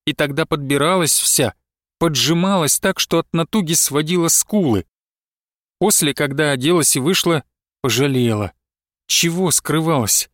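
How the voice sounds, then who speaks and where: High-voiced man narrating a novel. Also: normal speed, a bit bright, no echo, studio quality. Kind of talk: audiobook narration of literary prose.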